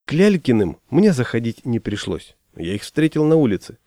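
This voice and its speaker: A man narrating a first-person story aloud in a wry, deadpan way. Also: mid-range voice, normal speed, dry recording, studio quality. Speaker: audiobook reader.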